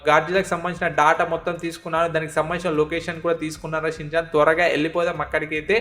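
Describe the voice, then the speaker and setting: A worried, fussing uncle, voiced by a performer in a fan-dubbed game parody, talking quickly and scolding the boy by name again and again. The tone stays even, with little rise and fall. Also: medium pitch, close to an everyday voice. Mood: casual. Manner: scolding, calling the boy over and over.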